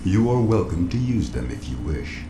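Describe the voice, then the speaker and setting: A man playing a deep, echoing android bunker computer. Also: very animated. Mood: reassuring, formal. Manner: android-like, formal, measured, emotionless delivery. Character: calm male android computer running a doomsday bunker. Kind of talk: audio drama acting. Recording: roomy echo, noisy background.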